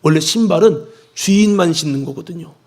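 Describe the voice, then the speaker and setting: A male pastor preaching a sermon, telling a story with lively asides. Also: a little high, fairly quick. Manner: storytelling, animated, with many asides.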